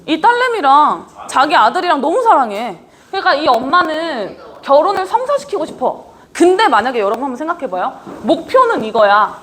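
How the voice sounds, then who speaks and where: With a high, brisk voice and hardly any pauses, a woman runs a leadership training talk. She is lively and casual, quizzing the audience over and over and keeping her tone down-to-earth with students.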